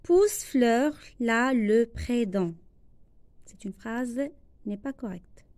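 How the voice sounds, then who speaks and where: A woman teacher with a Moroccan accent, going slowly through a worksheet lesson, repeating each phrase and translating it into Arabic. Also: on the high side, a little mellow, no echo. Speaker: primary school teacher.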